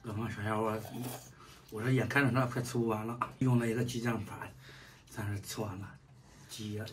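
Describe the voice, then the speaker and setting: A man's voice: fairly low pitch, fairly even intonation, fairly quick, distant mic, background noise. A man, chatting casually as a vlogger. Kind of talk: casual vlog chat. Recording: background music, voice off from mic. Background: music.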